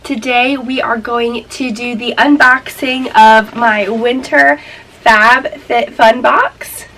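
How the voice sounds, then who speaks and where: A chatty young woman sits on her bedroom floor, talking through a beauty unboxing with a cold-stuffed nose. Her voice sits a touch high and she laughs easily. The mic is a little distant, with a faint hum of room noise behind her. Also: fairly even intonation, slow pace, pushed and bright. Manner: bubbly, chatty, laughs often. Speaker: beauty and lifestyle vlogger. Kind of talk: casual unboxing vlog.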